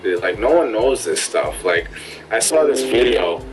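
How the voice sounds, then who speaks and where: A man in his twenties co-hosting a casual podcast, talking in an animated way and full of "like" fillers. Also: fairly low pitch, measured pace, music in the background, rough recording. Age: 20s. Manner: animated, heavy use of "like" fillers. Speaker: podcast co-host. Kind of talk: casual group chat.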